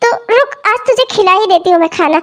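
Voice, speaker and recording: A woman's voice: very high-pitched, animated, quick pace, pitched below the performer's own voice. Woman doing a harsh scolding stepmother. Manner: sharp, scolding, quarrelsome. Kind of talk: cartoon voice acting.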